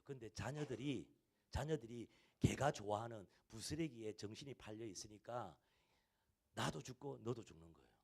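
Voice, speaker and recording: A man in the pulpit delivering a sermon, his voice sitting at an ordinary middle pitch. He leans on repeated phrases, pushing some lines loud and letting others drop to a near hush. The delivery is earnest and insistent. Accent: Korean. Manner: repetitive, emphatic preaching with rising and falling volume. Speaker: pastor. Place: church service hall.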